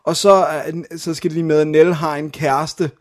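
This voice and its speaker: A man's voice: fairly high pitch, little pitch movement. A man co-hosting a casual film podcast, explaining plots at length and a bit hesitantly. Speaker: podcast co-host. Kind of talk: casual film-review chat.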